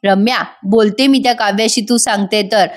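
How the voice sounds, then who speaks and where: A woman's voice: mid-range voice, fairly even intonation, normal speed, lightly acted. A woman voicing a bossy, comic older aunt who talks brashly and scolds. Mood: scolding.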